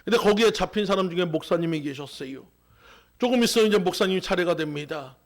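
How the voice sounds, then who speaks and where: A man with a high, rough-edged voice preaches a sermon as pastor. His delivery swings between fervent, raised exhortations and soft, nearly whispered asides. A gravelly fry runs through his tone. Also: animated, fast talker.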